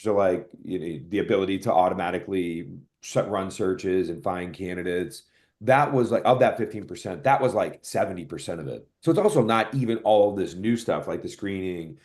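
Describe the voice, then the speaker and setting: At a normal speed and with a low, darkish voice, a man explains things analytically as an expert guest in a podcast interview. He's a software product executive, and he corrects himself while thinking aloud.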